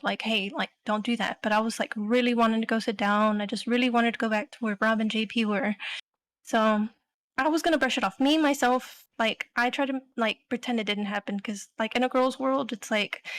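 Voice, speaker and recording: A young adult woman co-hosting a podcast, telling a story in a rambling, casual way full of fillers. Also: a little high. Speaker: podcast co-host.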